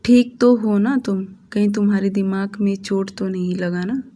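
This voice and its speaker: A woman's voice: mid-range voice, flat delivery, normal speed, warm tone, natural voice. A woman voicing a young husband who questions his wife on the phone, reading a storybook romance. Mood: teasing. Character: young husband, blunt then remorseful.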